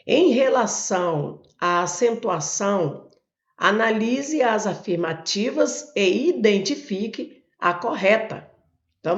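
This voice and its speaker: Working through exam questions one at a time, a Brazilian woman teacher speaks Portuguese-accented with a creaky voice and a widely moving pitch. She frequently uses "ó" and "olha" while pointing at the board, in an echoey, dull, lo-fi recording.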